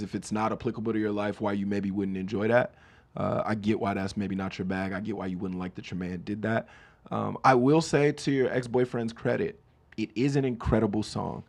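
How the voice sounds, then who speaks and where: A man hosting a comedic podcast, riffing on lyrics with animated energy. His voice has a gravelly, fry-edged texture at a middling pitch. He drifts between low mutters and loud bursts. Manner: animated, riffing, mock-voices quoted lines. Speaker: podcast host. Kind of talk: comedic solo podcast chat.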